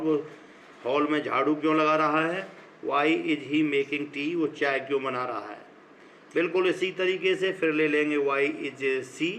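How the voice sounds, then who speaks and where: In a rough recording with slight hiss or hum, a middle-aged Indian-accented man teaches grammar online. He's a school teacher moving between Hindi and English, pacing his phrases slowly as if dictating, with a slightly high, fairly bright voice.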